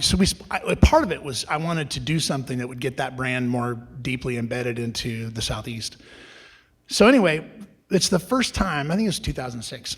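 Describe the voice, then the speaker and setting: A middle-aged entrepreneur, a guest at a live event, tells his business story in a lively, chatty way, frequently restarting and acting out quoted dialogue. His voice sits in the mid range.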